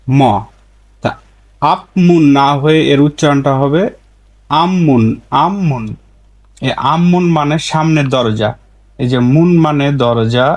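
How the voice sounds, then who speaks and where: A man teaching a language lesson, patiently explaining rules and slowly repeating each example word twice. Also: on the high side, darkish tone. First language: Bengali.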